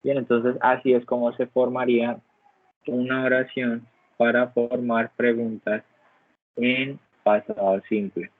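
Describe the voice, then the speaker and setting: A man's voice: mid-range voice, flat delivery, measured pace, no echo. A man teaching an English grammar lesson online, patiently explaining step by step and often checking in with the class. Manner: patient, keeps asking "¿listo?". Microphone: video call. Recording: dry, phone-like online call audio.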